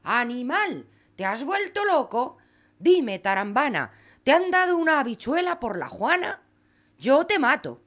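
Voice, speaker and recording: A woman voicing a quick-tempered peasant mother in a storybook, scolding loudly with a high, lively voice. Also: exaggerated voice. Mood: furious.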